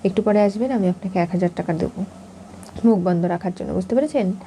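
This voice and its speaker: A woman's voice: mid-range voice, quick pace, dark tone, a little hiss or hum, close to an everyday voice. A woman voicing a cheeky young newspaper delivery man who teases in a sly, blackmailing way. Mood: teasing. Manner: teasing.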